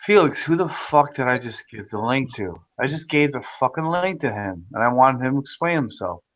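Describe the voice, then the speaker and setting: A man hosting a casual online video chat, talking loudly and excitably, with frequent swearing. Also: medium pitch, brisk, dull audio. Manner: loud, profane, excitable. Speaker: host.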